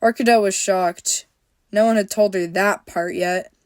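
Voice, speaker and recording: Slow-reading woman telling her own story. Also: medium pitch, fairly even intonation, darkish tone, no room sound, studio quality. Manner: unhurried reading with small slips.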